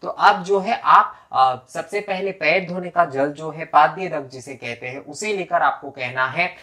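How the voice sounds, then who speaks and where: Guy walking you through a puja, explains then chants the mantras slow, lots of little fillers. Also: on the high side, bright, forceful tone. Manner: many fillers and restarts, addresses viewers directly. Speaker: puja instructor. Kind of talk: step-by-step ritual instruction.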